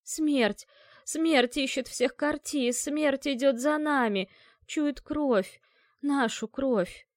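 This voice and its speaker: A woman voicing a terrified dead woman called back as a ghost, moaning and pleading hoarsely. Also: high voice, animated, slow pace, mellow, dry recording, studio quality, voice pushed up, exaggerated voice.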